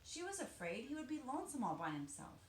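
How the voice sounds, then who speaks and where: A woman reads a children's story aloud with a very lively, swooping delivery. She stresses words dramatically and tells it deliberately. The room rings around her voice, with faint noise underneath. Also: sits high. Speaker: storybook reader, teacher. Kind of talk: expressive read-aloud of a children's picture book. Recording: roomy echo, faint background noise.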